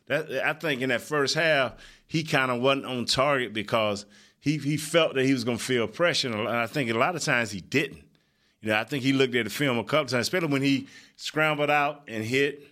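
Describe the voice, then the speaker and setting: Bright-voiced man talking football casually. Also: mid-range voice. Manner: colloquial, rambling. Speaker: sports show panelist.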